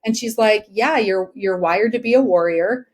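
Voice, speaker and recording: On a podcast, a guest in her 40s holds a candid personal conversation at a moderate pace in a mid-range voice. She is emphatic and keeps checking whether listeners agree.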